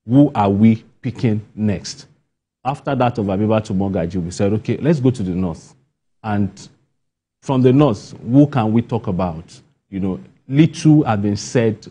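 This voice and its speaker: His voice is on the low side, mellow with a breathy edge. As an interview guest, this Nigerian-accented playwright responds off the cuff, stressing points emphatically by repeating key phrases.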